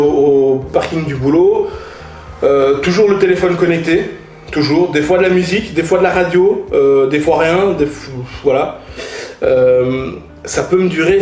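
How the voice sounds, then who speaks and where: A motorcycle vlogger talks casually to his viewers while reviewing gear, using slang, emphasis, and repeated points. His voice is a little high with a darkish tone, and the room is reverberant.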